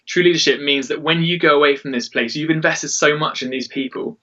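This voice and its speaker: A man's voice: fairly high pitch, brisk, sharp tone. A man speaking casually and earnestly in an interview as a church worship leader, in an informal way. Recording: dull, distant-mic recording.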